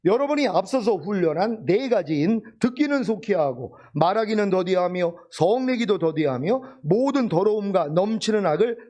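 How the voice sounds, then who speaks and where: Animated high-pitched Korean preacher. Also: male voice, moderate pace, hardly any pauses. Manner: emphatic preaching with rhetorical questions. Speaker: pastor. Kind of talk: sermon.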